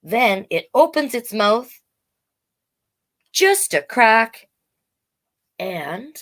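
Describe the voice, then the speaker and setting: This host reads a children's picture book very slowly in a high, fairly bright voice that is extremely animated. Her storytime delivery is playful and expressive, with chatty asides explaining things to the young audience.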